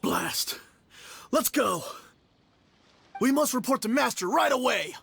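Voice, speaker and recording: An actor playing a brash, defiant henchman in a video game, raspy and strained, barking his words. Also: very high voice, expressive, takes it slowly, exaggerated voice. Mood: frustrated. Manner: barking, forceful. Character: brash, defiant henchman soldier loyal to master.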